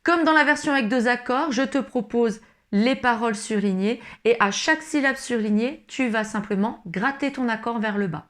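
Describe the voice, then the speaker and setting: A woman with a somewhat high voice, speaking at normal speed, explains how to play the ukulele. Strumming sounds in the background as she patiently covers each step and talks to the learner in a relaxed way.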